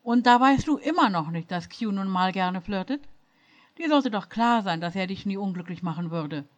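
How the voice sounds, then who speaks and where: A woman's voice: mid-range voice, animated, moderate pace, highs cut off, natural voice. Jean-Luc, a woman reading as a stern captain. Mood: scolding. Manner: scolding, lecturing. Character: stern angry male starship captain.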